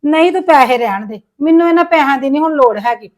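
Aggrieved high-voiced woman in a family drama. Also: lively intonation, fast, darkish tone. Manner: aggrieved, complaining, lamenting. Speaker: actor playing a widowed sister-in-law. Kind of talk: Punjabi family drama acting.

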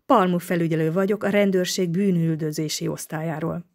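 A woman's voice: lowish voice, fairly even intonation, darkish tone, close to an everyday voice. A woman reading an audiobook, voicing a stern middle-aged male police inspector who asks tense, probing questions.

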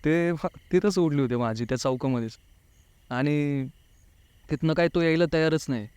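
On the high side and a little mellow, the voice moves at a moderate pace with a clean tone and no room sound. The speaker, a Pune man on an interview, casually tells a personal story, often voicing other people's words and repeating the filler "नाही का".

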